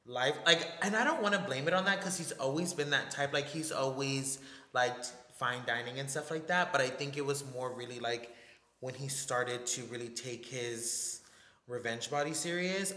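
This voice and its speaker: A young man co-hosting a casual podcast chat, animated, acting out friends' voices as he retells stories. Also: mid-range voice. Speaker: podcast co-host. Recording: echoey room with long reverb.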